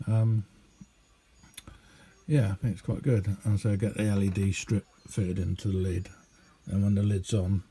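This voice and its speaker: This is an older or middle-aged British man with a low, warm voice, casually demonstrating his hobby off the cuff. He wanders and hesitates in a relaxed manner, captured on a noticeably noisy amateur recording made at home.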